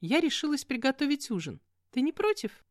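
A woman voicing a sweet, fussy young girl who talks in bright, chirpy exclamations. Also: high-pitched, very animated, a little fast, no echo, clean studio sound, voice pushed up. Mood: cheerful.

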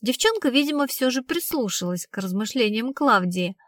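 A woman narrating an audiobook in a plain, lively storytelling manner. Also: fairly high pitch, moderate pace, dry recording, studio quality.

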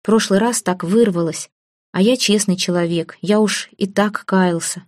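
A woman's voice: mid-range voice, unhurried, a little mellow, no echo, clean studio sound, natural voice. A woman voicing a poor, proud young orphan woman who talks in a flustered, pleading way. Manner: pleading, flustered, self-deprecating.

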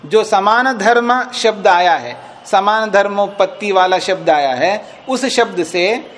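Slight background noise accompanies a man's high-pitched, fairly bright voice as he teaches as a swami at a retreat session. In this classroom lecture on a scripture text, he recites Sanskrit lines, explains every phrase, and checks whether students are following.

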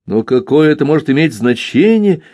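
A man's voice: mid-range voice, big pitch swings, normal speed, dark tone, slightly rough, no echo, studio quality, voice pushed up. A man voicing the victim's indignant son, who protests in agitated outbursts.

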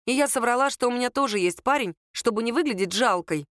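A sulky, self-pitying young woman from a storybook, as a woman narrator puts her on, grumbling and sarcastic about her own life. Her voice sits fairly high and sounds close and dry. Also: animated, fast talker, a bit bright, no room sound. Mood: despairing.

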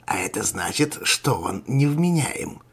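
A man voicing a sinister male sorcerer villain in a crow mask, with a hoarse, gravelly voice and a gloating, menacing manner, in an audio story. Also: medium pitch, very animated, measured pace, heavily acted. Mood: gloating menace.

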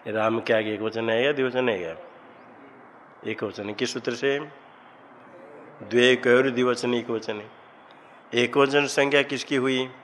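A male teacher gives a slow, deliberate grammar lesson in an ashram classroom. He keeps putting short questions to his class, then recites each rule in a measured, mid-pitched voice. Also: fairly bright tone, slight background noise, rough recording.

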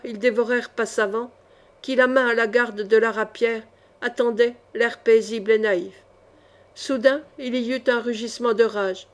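Brief: woman narrator, higher-pitched. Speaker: audiobook reader. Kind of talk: scripted narration of a swashbuckling novel.

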